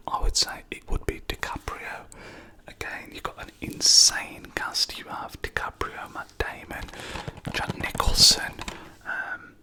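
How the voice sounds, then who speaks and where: Soft whispering ASMR host. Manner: soft unvoiced whisper, unhurried, with frequent "um" and "yeah". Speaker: ASMR creator reviewing own film collection.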